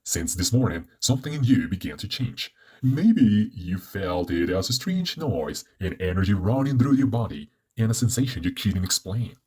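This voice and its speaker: A man's voice: lowish voice, husky. A man voicing a cheerful chatty robot. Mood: explaining. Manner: theatrical, lively, drawn-out delivery. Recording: soft music underneath.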